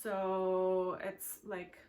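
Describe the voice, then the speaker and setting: In a lowish, mellow monotone, she draws out her words while hosting a knitting podcast at home. A Swiss native speaker of German, she talks casually to camera in a rambling, chatty manner thick with fillers.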